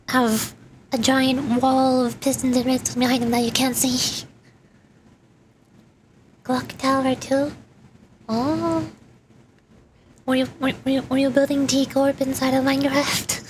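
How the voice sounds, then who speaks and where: A high-pitched woman streams as a VTuber, chatting casually as she games in a playful, rambling way. There's game music behind her and a little hiss or hum.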